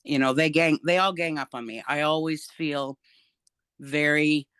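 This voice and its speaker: A woman's voice: sits low, steady tone, unhurried, fairly bright tone, clean tone, no room sound. An older woman, a grandmother, speaking frankly and emphatically as an interview guest, with the odd wry laugh. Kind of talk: candid interview about family.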